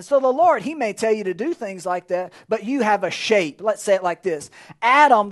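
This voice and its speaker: Man preaching a conversational sermon. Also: high-pitched. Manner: conversational preaching with quick bursts and drawn-out emphasis. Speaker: pastor.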